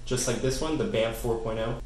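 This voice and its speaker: Young male company presenter, mid-pitched, evenly read script, very roomy echo, light hiss. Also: a little fast. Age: young adult. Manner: even, read-from-script delivery. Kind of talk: scripted product explainer. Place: office room with desk. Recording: very echoey room, faint hiss.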